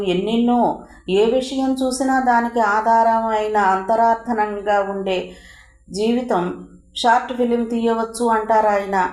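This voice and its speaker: A woman narrating a novel in a steady storytelling voice. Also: a little high. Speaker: audiobook narrator. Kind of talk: novel reading. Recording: roomy echo.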